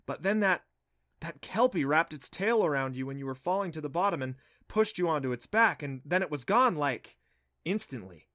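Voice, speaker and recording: A man's voice: fairly high pitch, animated, moderate pace, fairly bright tone, dry recording, studio quality, pitched above the performer's own voice. A man doing a smug teenage girl. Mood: excited. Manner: taunting, self-assured.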